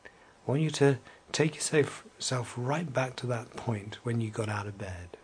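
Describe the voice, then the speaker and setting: Leading an evening relaxation session, a man with a mid-range voice talks slowly and calmingly, at times sinking into a gentle whisper. A little hiss or hum sits in the recording.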